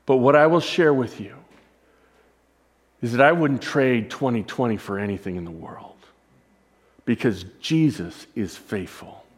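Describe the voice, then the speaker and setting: Male pastor, relaxed address to an online congregation, light humor. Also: medium pitch, measured pace, pauses often. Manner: informal, joking aside to home viewers. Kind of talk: sermon.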